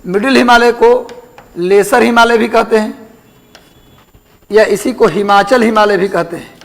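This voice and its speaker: A man's voice: extremely high pitch, gravelly, low-quality recording. A man teaching a geography class, repeating terms and quizzing his students. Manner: repetitive, asks students questions. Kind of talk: classroom lecture.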